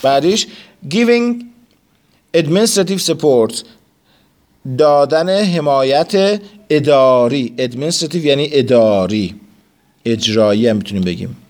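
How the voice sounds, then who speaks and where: A man's voice: medium pitch, darkish tone. Man teaching English vocabulary step by step. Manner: explains word forms step by step, mixes in English terms; reads English phrases slowly, then translates. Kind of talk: classroom vocabulary lesson.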